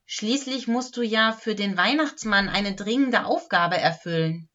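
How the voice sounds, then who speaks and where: A woman's voice: mid-range voice, a little slow, a bit bright, lo-fi sound, close to an everyday voice. A woman voicing a helpful male Christmas elf in a storybook reading, friendly and explaining.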